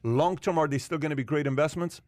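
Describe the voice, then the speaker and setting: A man's voice: a little high, fast talker, no room sound, clean studio sound. A man hosting a podcast panel, telling stories with animation and repeating his points for emphasis. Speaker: podcast host. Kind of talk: casual panel chat.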